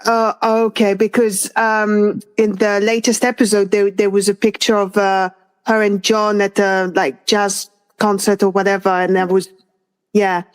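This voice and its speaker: A woman from France in her thirties co-hosts a casual chat. She talks slowly and unhurriedly, pausing often and restarting her thoughts, with plenty of fillers along the way. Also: medium pitch, little pitch movement, clear, resonant tone. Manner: hesitant, many fillers and restarts. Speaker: podcast co-host.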